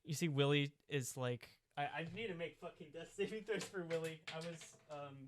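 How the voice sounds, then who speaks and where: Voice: medium pitch, a little fast, a little hiss or hum. A game master narrating a tabletop role-play game, rambling through many fillers. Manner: rambling, many fillers, bursts into loud shouted character lines.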